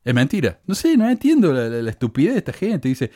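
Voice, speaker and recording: A man talks straight to his audience, mocking and exasperated as he answers his critics. His voice swings up and down with animated intonation. The recording is dry and close, with no room sound. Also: fairly high pitch, quick pace, no echo. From Córdoba, Argentina. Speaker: video creator reading critical comments. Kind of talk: casual commentary to camera.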